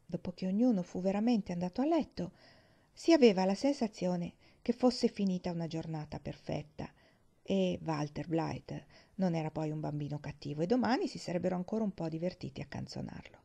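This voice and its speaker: A woman reading a novel aloud as audiobook narration, in a calm, measured way. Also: on the low side, creaky, husky. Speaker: reader. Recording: dull lo-fi recording.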